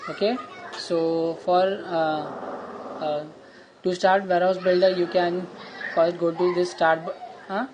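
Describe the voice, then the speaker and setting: A man giving a plain step-by-step software tutorial over a screen recording, with frequent fillers and restarts. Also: high-pitched, level tone, measured pace, pauses often, noisy background. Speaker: tutorial host.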